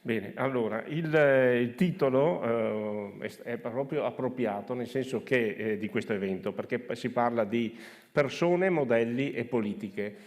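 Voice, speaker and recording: A man speaking through a face mask in a halting way, presenting slides as an official at a conference. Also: medium pitch, a little mellow. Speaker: regional agriculture official presenting. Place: conference room with audience. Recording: reverberant hall.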